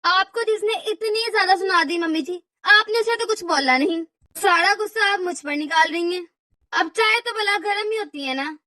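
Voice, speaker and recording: A woman's voice: extremely high pitch, moderate pace, bright, forceful tone, dry recording, recorded from a distance. A woman voicing a put-upon young daughter-in-law in a cartoon, explaining herself in an exasperated, pleading way. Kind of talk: cartoon voice acting.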